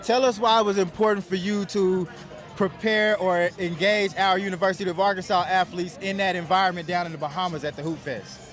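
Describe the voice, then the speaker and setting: A man's voice: high-pitched, fairly even intonation, a little fast, a bit bright, faint music behind. A man hosting an outdoor interview, friendly and casual. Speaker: host. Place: outdoor tailgate.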